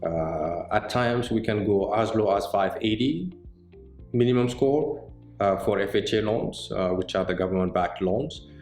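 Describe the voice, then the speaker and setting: A middle-aged man from Senegal answers interview questions about his work in banking. His voice sits very low, and he explains things carefully, stopping often on small hesitations. The sound is roomy, with soft music faintly underneath. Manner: measured, explanatory, with frequent "uh" pauses. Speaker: mortgage banker interviewee. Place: indoor office set with bookshelves.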